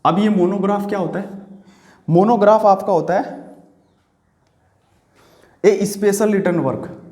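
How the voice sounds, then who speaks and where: A man's voice: high-pitched, unhurried, a little mellow, roomy sound. A man with an Indian accent teaching exam-prep vocabulary, explaining patiently, repeating words and asking the viewer questions. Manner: writes on a board while talking.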